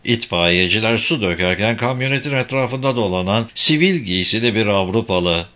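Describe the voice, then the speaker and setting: A man giving a steady, measured audiobook narration of a novel. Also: on the low side. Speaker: audiobook reader. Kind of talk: scripted narration.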